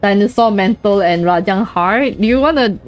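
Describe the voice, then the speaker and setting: A woman's voice: medium pitch, moderate pace, soft background music. A young woman with a Chinese accent, a streamer chatting casually and playfully while she plays, giggling and repeating words in bursts. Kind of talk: casual gaming chat.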